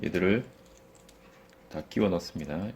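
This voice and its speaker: A man's voice: low voice, moderate pace, darkish tone, slight background noise. A man who runs a computer shop, casually walking through a PC case build with plain, informal talk and fillers. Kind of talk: casual hands-on product walkthrough.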